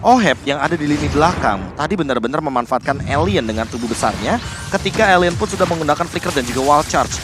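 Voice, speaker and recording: A man's voice: a little high, lively intonation, quick pace, music in the background. A man giving analytical esports commentary, explaining play in long unbroken sentences.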